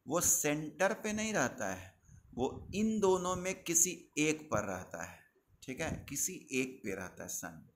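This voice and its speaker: A male teacher giving a live online class, dictating definitions slowly and checking in with students by name. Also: medium pitch, a bit bright.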